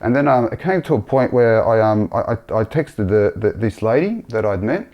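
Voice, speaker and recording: A man sharing a personal religious testimony in a halting, earnest way, often repeating himself. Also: on the low side, expressive, dull audio.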